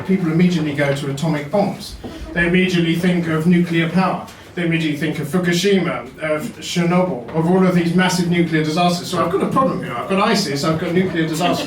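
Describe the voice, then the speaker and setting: A man's voice: on the high side, fast talker, few pauses, recorded from a distance, crowd noise. A man performing a wry, self-deprecating stand-up comedy set in a basement comedy venue. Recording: roomy echo, mic heard from afar.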